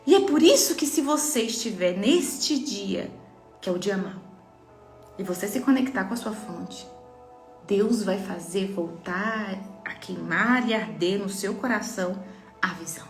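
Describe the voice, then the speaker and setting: Here a Brazilian Portuguese-accented woman mentors her audience through an inspirational talk on faith, addressing them directly in an earnest, emphatic manner. Her mid-range voice is expressive and measured in pace. Faint music plays in an echoey space.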